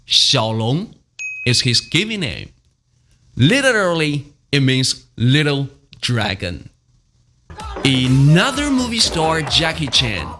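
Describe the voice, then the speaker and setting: A man teaching a beginner language lesson, speaking slowly and having listeners repeat after him. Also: mid-range voice, big pitch swings, sharp tone, faint music behind. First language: Mandarin Chinese. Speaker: Mandarin teacher and channel host.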